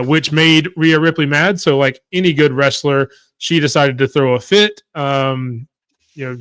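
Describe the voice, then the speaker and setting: A man's voice: a little high, a bit bright, clear, resonant tone, no echo. A man co-hosting a wrestling podcast, casually walking through matches and reading out viewer comments. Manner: conversational, reads out viewer comments. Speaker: podcast co-host.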